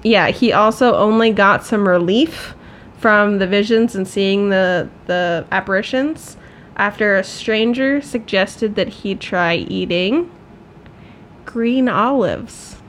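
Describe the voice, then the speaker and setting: A woman's voice: medium pitch, slow pace, a little hiss or hum. A woman co-hosting a podcast, chatting casually, laughing often and poking fun at herself. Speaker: podcast co-host.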